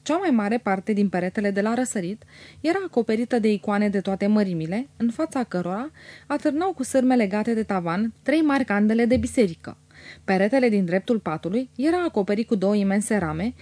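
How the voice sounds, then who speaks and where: A woman narrates a classic novel in an even, measured manner. Her voice sits at a middle pitch. The studio sound is dry and close. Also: no room sound. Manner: measured, descriptive. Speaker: audiobook narrator. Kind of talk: scripted literary narration.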